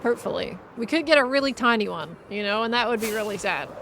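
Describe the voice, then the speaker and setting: A woman chatting casually to her live stream while playing a game, with a deadpan, monotone delivery. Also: a little high, quick pace, creaky, slight background noise.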